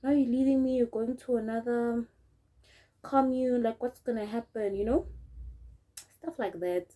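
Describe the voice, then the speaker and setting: A young South African woman with a South African accent vlogs a casual storytime while putting on makeup, talking at normal speed in a fairly high voice. She's animated, playing out the quotes and mixing in local words, all captured on a low-quality recording.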